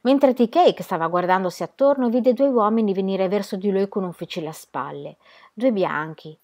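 A woman reading a novel aloud, steady and measured. Her pitch sits in the middle for a woman, and she keeps an even pace through long sentences. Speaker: reader.

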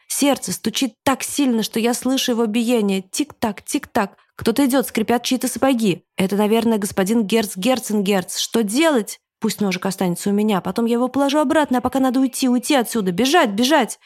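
A woman reading aloud as a young boy who longs for a pocketknife, telling it in breathless, excited narration. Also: fairly high pitch, quick pace, few pauses, no echo, clean studio sound, lightly acted. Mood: anxious.

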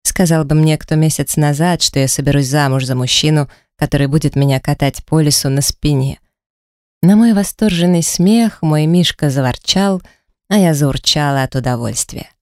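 A woman reading a first-person romance story aloud in a steady storytelling voice. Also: moderate pace, no echo, clean studio sound. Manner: steady storytelling, livelier and higher in the heroine's quoted lines. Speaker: audiobook reader. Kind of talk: scripted first-person narration.

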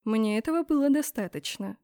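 A cold, dismissive emperor, put on by a woman reader weighs every word, slow and flat. The voice sits close and dry on the mic. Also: on the high side, clear, resonant tone, no echo. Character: cold, appraising middle-aged male emperor.

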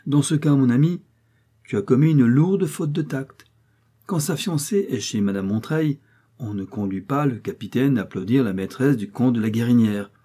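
A man reading as an older marquis in a storybook, trusting and naive, speaking with fatherly earnestness. The voice is mellow and slightly husky. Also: medium pitch, normal speed, voice pushed up, natural voice. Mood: kindly. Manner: kindly, earnest.

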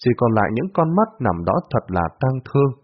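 A man narrating a dramatic story in a lively, expressive way. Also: mid-range voice, a little fast, slightly rough. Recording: dull lo-fi audio.

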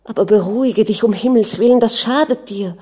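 A woman's voice: on the low side, steady tone, measured pace, dark tone, breathy edge. A woman voicing a pleading frightened young wife. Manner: pleading, soothing. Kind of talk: audiobook reading.

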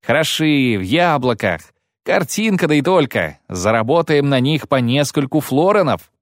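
A man voicing a loud, brash female bandit with a shouting manner. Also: mid-range voice, big pitch swings, normal speed, no room sound, clean studio sound, voice pushed up, natural voice. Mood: delighted.

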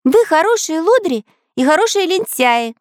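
A woman reading as an eager, excitable young boy with a piping, squeaky voice, always exclaiming. Storybook character voice, lively and high, in a dry, close room. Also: moderate pace, dry recording. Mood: teasing.

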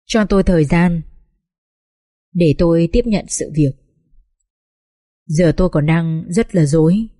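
A woman's voice: on the low side, measured pace, long pauses, dark tone. Woman voicing a grief-stricken middle-aged mother. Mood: shaken. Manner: tearful, distressed.

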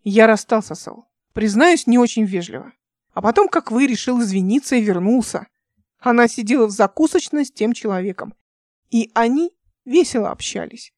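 A woman's voice: a little high, animated, moderate pace, a little mellow, dry recording, clean studio sound, natural voice. A woman reading an audiobook voices a young male captain who speaks in a clipped, insistent way. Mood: tense.

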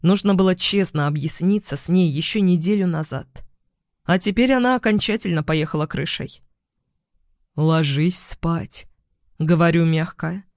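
A man narrating a story in the first person in a measured, steady way. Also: sits high, no room sound, studio quality.

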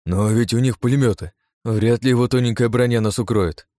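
A man's voice: mid-range voice, fairly quick, mellow, dry recording, clean studio sound, voice pushed up, natural voice. A man voicing a worried, doubtful male agent partner in an audiobook. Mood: anxious. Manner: anxious, doubting.

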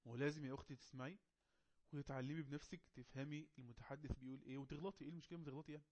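A man with an Egyptian Arabic accent running an online English class, coaxing and teasing quiet students to speak up. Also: medium pitch, steady tone, very fast. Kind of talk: casual online class moderation.

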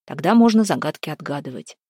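A woman narrating a fairy tale in an even, measured way. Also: sits low, husky, dry recording, studio quality. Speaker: audiobook reader. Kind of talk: storybook narration.

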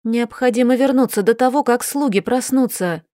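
A woman's voice: fairly high pitch, moderate pace, mellow, dry recording, lightly acted. A young wife caught between fear and love speaks in an urgent, raised voice, as a woman reading the book voices her. Her lines sound close and dry. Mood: hurried. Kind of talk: audiobook character voice.

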